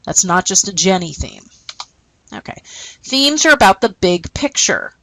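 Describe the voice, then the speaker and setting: A woman's voice: mid-range voice, very animated, measured pace, fairly bright tone, dry recording, low-quality recording. A woman teacher explaining a lesson and reading short stories aloud, often checking in with "okay?". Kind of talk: recorded classroom lesson.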